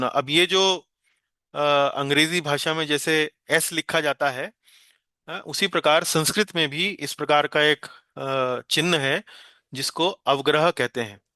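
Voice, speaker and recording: A man with a fairly high, bright voice teaches an online verse class. He explains patiently, pausing often, and draws out the Sanskrit words when he chants them. The sound is dry and close. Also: no room sound. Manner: slow, patient explaining with many hesitation sounds.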